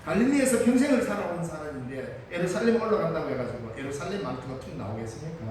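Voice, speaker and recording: A man's voice: a little high, sing-song, quick pace, background noise. A male pastor with a Gyeongsang accent, preaching a Sunday sermon and telling the story vividly, acting out the dialogue. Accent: Gyeongsang Korean. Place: church sanctuary. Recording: echoey church hall from far off.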